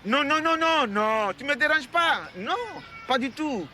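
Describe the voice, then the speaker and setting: A boisterous old Ivorian husband. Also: male voice, very high voice, expressive, unhurried, slight background noise, heavily acted. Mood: chatty. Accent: Ivorian French. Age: older. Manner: boisterous, teasing, loud exclamations. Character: boastful old retired husband, playful and forgetful. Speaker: retired husband. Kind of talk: sitcom acting.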